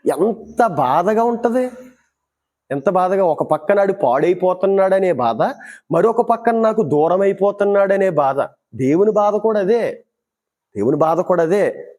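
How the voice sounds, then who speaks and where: A man's voice: sits high, animated, a little slow, a little mellow. A man giving Bible teaching, asking rhetorical questions and acting out everyday dialogues to make his point.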